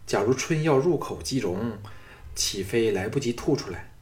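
A man narrating an audiobook in a dramatic, expressive storytelling style. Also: medium pitch, normal speed.

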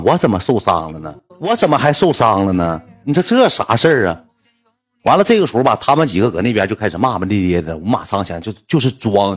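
A man's voice: lowish voice, slightly rough. A man with a Northeastern Mandarin accent telling a rambling, colloquial anecdote, often repeating himself. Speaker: storyteller.

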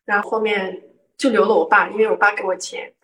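A woman's voice: medium pitch, steady tone, brisk, a bit bright. A young woman from Guangzhou tells a personal story in casual chat, acting out the quoted lines of an argument with rising indignation. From Guangzhou, southern China. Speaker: guest telling a personal story. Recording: voice picked up from a distance.

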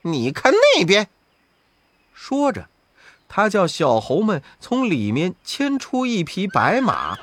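A man telling a children's story in an expressive, sing-song way. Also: high-pitched, no room sound.

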